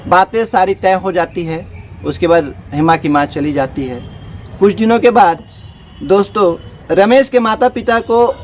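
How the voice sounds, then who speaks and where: Guy telling a story to his friends, kinda rambling and repetitive, bit high pitched. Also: slight background noise. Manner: chatty, addresses listeners as friends, loose repetitive phrasing. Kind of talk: casual spoken story narration.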